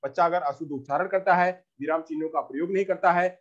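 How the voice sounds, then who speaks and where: A man's voice: on the high side, fast, highs cut off. A man teaching a teacher-training lesson, explaining step by step with examples and often repeating himself.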